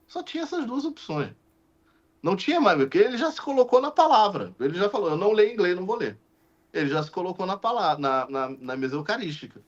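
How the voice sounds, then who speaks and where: Animated deacon telling a story. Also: male voice, high voice, quick pace. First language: Portuguese. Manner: animated, acts out quoted dialogue, frequent restarts. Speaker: deacon, podcast guest. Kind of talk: storytelling in casual conversation. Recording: slightly muffled lo-fi audio.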